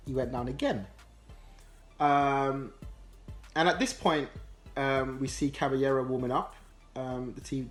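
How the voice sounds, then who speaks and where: A man giving a casual, animated match review, with many ums and restarts. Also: mid-range voice. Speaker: football channel host.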